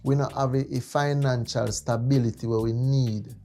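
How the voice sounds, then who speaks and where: A man's voice: medium pitch, steady tone, normal speed, mellow. A man with a Jamaican accent hosting a casual chat in slangy, emphatic Patois. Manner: slangy, emphatic, repeating check-in phrases. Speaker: podcast host. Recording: music behind the voice.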